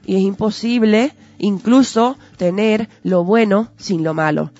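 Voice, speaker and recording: A woman's voice: mid-range voice, unhurried, darkish tone, no echo. A woman, talking through ideas as a guest in an earnest, teacherly way with lots of rhetorical questions. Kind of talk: conversational explanatory talk. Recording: dull lo-fi audio with faint music.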